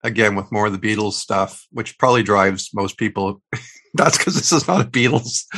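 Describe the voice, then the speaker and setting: A man's voice: fairly low pitch, normal speed, fairly bright tone. A man in his fifties co-hosting a podcast, chatting casually with many fillers and restarts over a video call. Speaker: podcast co-host. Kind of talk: casual chat.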